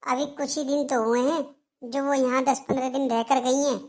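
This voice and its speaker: A resentful young daughter-in-law who answers back sharply, voiced by a woman for a cartoon. Her voice is a little high, with complaining, indignant turns. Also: fairly even intonation, normal speed, darkish tone. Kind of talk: Hindi cartoon dialogue.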